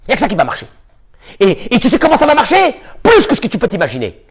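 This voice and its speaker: A man who is a rabbi, giving a lively sermon, with sudden shouts and low asides. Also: quick pace, slightly rough. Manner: animated, shifts between shouting and muttering.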